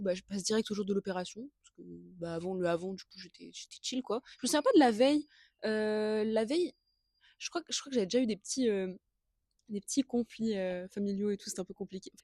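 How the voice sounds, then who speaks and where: A woman's voice: mid-range voice, brisk, a little mellow, no echo, clean studio sound. A woman in her early twenties co-hosting a podcast, telling personal stories in a slangy, rambling, giggly way. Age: early 20s. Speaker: podcast co-host. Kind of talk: casual chat, personal storytelling.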